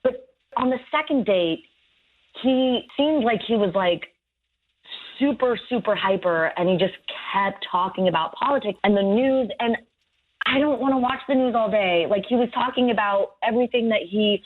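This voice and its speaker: A woman calls into a radio show and talks over a tinny speakerphone line, hesitant and rambling, with lots of fillers. It's a casual phone chat, and her voice is a little high and moderately paced.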